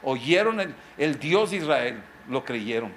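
A middle-aged pastor from Mexico, preaching a sermon emphatically and throwing rhetorical questions at the listener. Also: male voice, mid-range voice, very animated, slow pace, fairly bright tone, a little hiss or hum.

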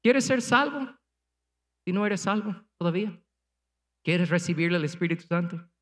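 A man's voice: sits high, lively intonation, moderate pace, a bit bright, in a large hall. A man preaching a sermon as pastor, speaking emphatically with rhetorical questions and punchy sound effects before a congregation. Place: church sanctuary before a congregation, also streamed online.

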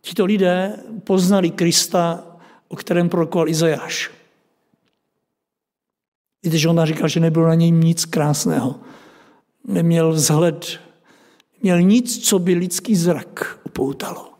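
A man's voice: a little high, steady tone, pauses often, darkish tone. A man preaching at a Bible study, reading scripture aloud with rising emphasis and putting questions to his listeners. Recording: long hall reverb.

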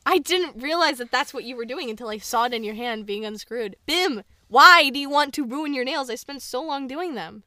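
A woman's voice: sits high, expressive, moderate pace, hardly any pauses, pushed and bright, no echo, clean studio sound. A young woman co-hosting a podcast in casual chat, playful and teasing, often breaking into laughter. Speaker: podcast co-host.

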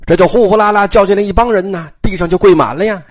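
A storyteller telling a classic tale in a chatty, lively way. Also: mid-range voice, quick pace. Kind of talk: traditional storytelling.

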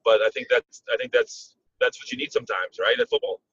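A man, a former football player and coach, telling stories in a casual interview, often pausing on "um" and checking in with "right?". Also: mid-range voice, distant mic, dull audio, slight background noise. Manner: animated storyteller, frequent "um" and "right?".

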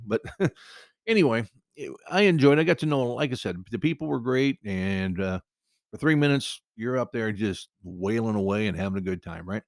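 A man's voice: mid-range voice, vocal fry, dry recording, studio quality. A man hosting a podcast, telling a personal story in a rambling, conversational way with frequent restarts.

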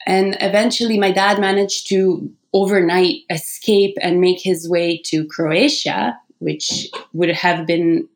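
A woman's voice: on the low side, steady tone, slow pace, few pauses. A woman, telling her personal story informally as an interview guest. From Bosnia, born in Sarajevo. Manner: informal, peppers speech with "like". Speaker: podcast guest, yoga teacher.

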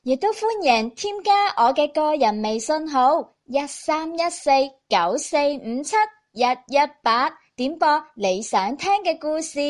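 A woman with a Cantonese accent reads a children's storybook in an expressive way, speaking to small children. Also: high-pitched. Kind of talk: scripted storybook narration for young children.

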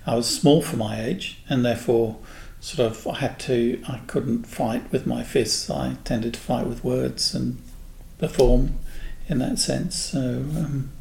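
A man in his sixties from England, a guest in an interview, telling unhurried stories about his past. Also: medium pitch, fairly even intonation, gravelly, darkish tone. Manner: unhurried, anecdotal storyteller. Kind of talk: reminiscing in a casual interview. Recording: echoey room with faint noise.

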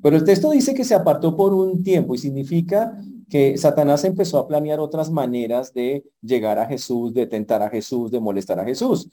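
A man preaching a sermon in a direct, humorous way, swinging from quiet asides to loud emphasis. His voice is very dark and mellow, with a husky grain. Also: mid-range voice, moderate pace, poor audio.

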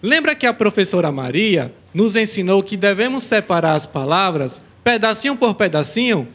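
A man's voice: sits high, sing-song, moderate pace, a bit bright, heavily acted. A man voicing a cheerful, helpful young schoolboy in a children's educational audio drama. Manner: cheerful, helpful, explains patiently.

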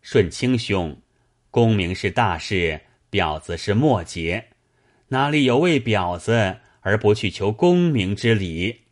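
A man's voice: lowish voice, lively intonation, takes it slowly. A man voicing a group of scholar friends who speak in an earnest, persuasive way. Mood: persuading.

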